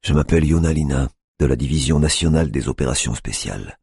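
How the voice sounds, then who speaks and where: A man voicing a calm male special-operations officer who speaks quietly and soothingly. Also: extremely low pitch, fast talker, creaky, slightly rough, no room sound, studio quality, heavily acted.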